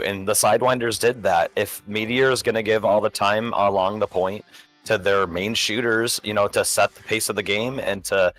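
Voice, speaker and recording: Low, raspy man doing sports color commentary. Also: fairly bright tone, rough recording. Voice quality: smoker's rasp. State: getting over being sick.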